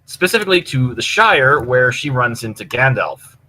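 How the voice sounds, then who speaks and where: This co-host of a podcast rambles casually and with enthusiasm through a review of stories, using a mid-range, sing-song voice with a sharp tone at a moderate pace. A computer mic on push-to-talk online voice chat picks him up along with clear background noise.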